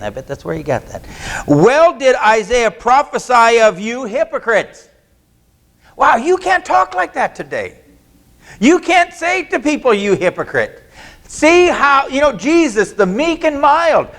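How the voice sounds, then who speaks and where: Animated high-voiced male preacher. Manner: animated, acts out quoted voices. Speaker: pastor. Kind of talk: sermon. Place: church sanctuary.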